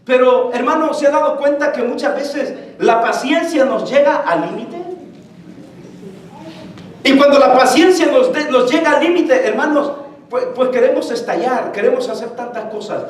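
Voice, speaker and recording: A man preaching a lively sermon as pastor, calling the congregation brothers. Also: extremely high pitch, normal speed. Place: church sanctuary. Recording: echoey church hall from far off.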